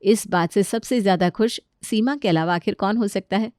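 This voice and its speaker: A woman narrating a cartoon family story in a plain, even way. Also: mid-range voice, normal speed, no echo, clean studio sound.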